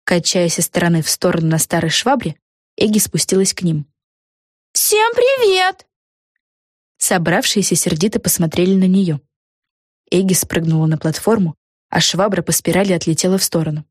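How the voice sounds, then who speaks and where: A woman narrating a children's storybook in clear, expressive storytelling. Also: on the low side, brisk, no echo, clean studio sound. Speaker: audiobook narrator.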